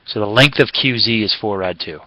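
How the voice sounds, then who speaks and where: A man's voice: on the low side, moderate pace, no room sound, muffled recording. A man teaching a recorded math lesson in a casual, chatty way, with fillers and self-corrections.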